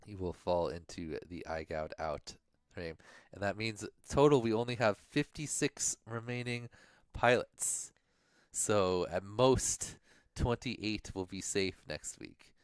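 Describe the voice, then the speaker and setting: A man's voice: fairly low pitch, smooth, no echo, clean studio sound. A man co-hosting a livestream, casually going over race standings and thinking aloud, sometimes mumbling to himself. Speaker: livestream co-host.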